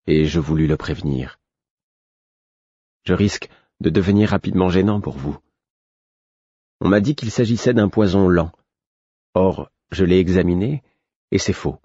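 A man reading a first-person fantasy audiobook in a steady, measured way. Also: deep voice, slightly rough, dry recording, highs cut off. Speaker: audiobook narrator.

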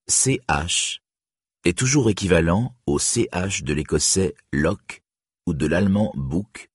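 A man reading an audiobook pronunciation guide with careful, deliberate enunciation, on a close studio mic. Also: very deep voice, breathy edge, no room sound. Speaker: audiobook narrator.

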